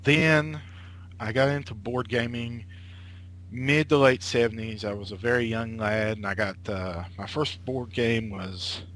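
A man in his late thirties, a guest on an internet call, chats casually in a medium-pitched, slightly bright voice. He's unhurried and rambling, full of filler words and restarts.

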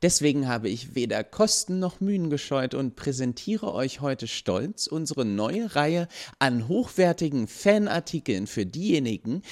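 A man voicing an enthusiastic businesswoman in a secret order, delivering a sales pitch. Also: a little mellow. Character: eager businesswoman cult member.

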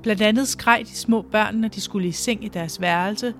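This is an interviewer speaking in a calm, measured way at a mid pitch. They ask the guest questions and also read a narration aloud. A faint hiss sits under the voice. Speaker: interviewer and reader.

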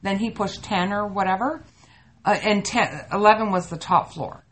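A middle-aged woman from Canada, co-hosting a casual podcast and telling funny stories with an animated manner. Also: mid-range voice, normal speed. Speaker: podcast co-host. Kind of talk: casual storytelling chat.

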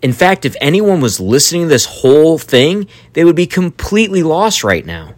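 A man's voice: fairly high pitch, moderate pace. A man playing a skeptical, patient friend. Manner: dry, skeptical, lively. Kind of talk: hobby audio drama.

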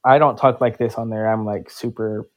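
A man's voice: fairly low pitch, steady tone, moderate pace, poor audio. A man chatting casually with a stranger, rambling and filling his talk with "like" and restarts. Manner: rambling, filler-heavy, uses "like" a lot. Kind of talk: casual chat.

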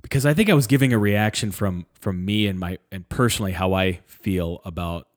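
A man's voice: sits low, a little fast, dry recording, studio quality. A man in a casual discussion who thinks aloud, restarting and correcting himself as he goes.

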